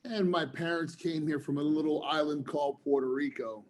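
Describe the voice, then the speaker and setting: A former police officer turned author from New Jersey, United States, talks earnestly as a podcast guest in a casual interview chat, rambling a little and using frequent fillers. His voice is a little high, fairly even in intonation and fairly quick, with a slight hiss or hum.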